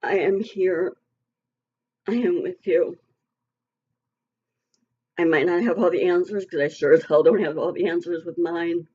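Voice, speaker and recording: Middle-aged woman vlogger, husky and mellow with a slightly high voice, emotional and earnest, dull lo-fi home recording. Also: measured pace, pauses often. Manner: emotional, earnest, rambling with fillers. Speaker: vlogger addressing her online community. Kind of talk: casual heartfelt vlog talk.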